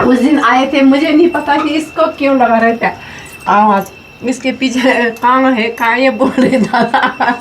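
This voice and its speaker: A woman's voice: high-pitched, fairly even intonation, unhurried, noisy background. A woman with an Uttarakhand Pahadi accent, teasing and chiming in during a family chat. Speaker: family member. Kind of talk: casual family banter.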